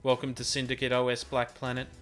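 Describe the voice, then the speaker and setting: A man's voice: medium pitch, monotone, quick pace, fairly bright tone, faint music behind, natural voice. A man voicing a malfunctioning computer system, reading clipped announcements and repeating errors while he plays a game. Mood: glitching robotic. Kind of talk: gameplay commentary, reading in-game text.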